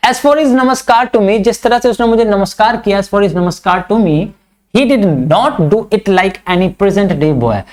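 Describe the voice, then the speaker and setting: In a high-pitched voice, a man teaches English through Hindi. He reads each English line slowly, then explains it conversationally in Hindi, scolding his students now and then in a fatherly way.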